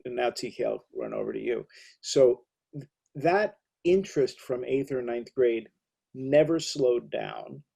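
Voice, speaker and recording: A man's voice: fairly high pitch, gravelly, dark tone, breathy edge. A middle-aged American man hosting an interview, telling rambling, enthusiastic stories. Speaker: host. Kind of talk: casual interview talk.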